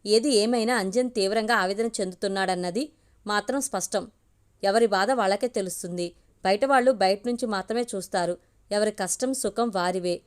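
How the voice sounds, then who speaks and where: A woman reading a family story aloud as a steady storyteller. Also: medium pitch, fairly quick, smooth. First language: Telugu.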